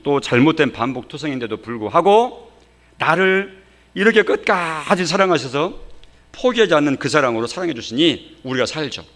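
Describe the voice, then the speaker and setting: A man's voice: mid-range voice, a bit bright. A male pastor preaching a Sunday sermon in a church, talking colloquially and putting rhetorical questions to the congregation. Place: church sanctuary.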